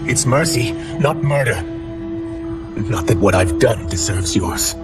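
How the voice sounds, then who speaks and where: A man's voice: fairly low pitch, lively intonation, slow pace. A man playing a guilt-ridden, desperate enslaved shapeshifter in a video game, earnest and pleading. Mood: desperate anguish. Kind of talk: dramatic video game acting. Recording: distant, under loud cinematic music.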